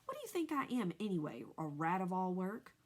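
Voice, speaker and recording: A woman's voice: on the low side, very animated, brisk. A woman voicing a grumpy, lazy, sarcastic male rat in a storybook reading, with a sneering, mocking tone. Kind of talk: storybook read-aloud.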